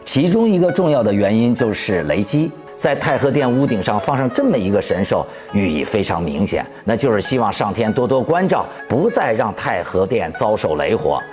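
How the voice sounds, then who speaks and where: A man's voice: lowish voice, very animated, normal speed, few pauses, darkish tone. A man presenting in a conversational, explanatory storytelling style, posing questions as he explains. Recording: music under the voice. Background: background music.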